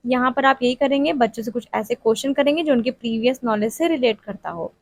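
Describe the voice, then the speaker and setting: A woman explains teaching steps in an exam-prep lecture, her voice high and gravelly. She mixes Hindi with English terms and slows down to read definitions aloud. The sound is dry and close. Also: dry recording. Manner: repeats a check-in tag after each point. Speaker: teacher-training tutor.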